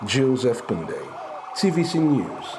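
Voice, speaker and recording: A man's voice: mid-range voice, sing-song, slow pace. A man with a Nigerian accent narrating a scripted television news report.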